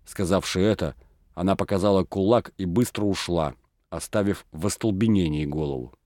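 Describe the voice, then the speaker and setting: A man reading a classic story aloud in measured audiobook narration. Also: sits low, a little mellow, dry recording, clean studio sound.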